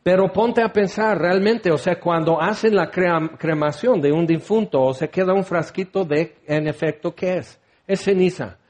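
A man's voice: high-pitched, normal speed, darkish tone. A man preaching a conversational sermon, full of rhetorical questions and playful asides.

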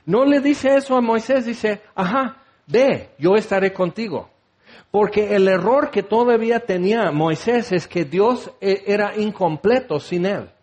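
A male preacher delivers a sermon in a high-pitched voice. He talks in an animated way and slips into quoted voices to make his points. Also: unhurried, hardly any pauses.

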